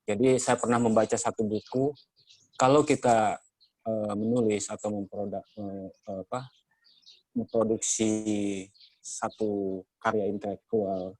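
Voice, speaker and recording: An Indonesian man moderating a journalism training session, speaking in a measured way with many hesitations. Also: lowish voice, flat delivery, a little mellow, no room sound, rough recording. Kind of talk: workshop moderation, lecturing.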